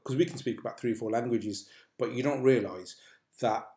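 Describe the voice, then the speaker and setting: A man's voice: mid-range voice, brisk, dark tone. A man hosting a casual podcast chat, rambling with many hesitations and restarts. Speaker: podcast host. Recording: echoey room.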